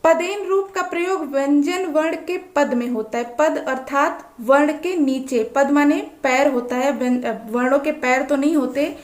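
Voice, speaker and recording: A woman's voice: high-pitched, a little slow, few pauses, roomy sound. A woman teaching a grammar lesson, explaining patiently and asking the learner questions as she goes.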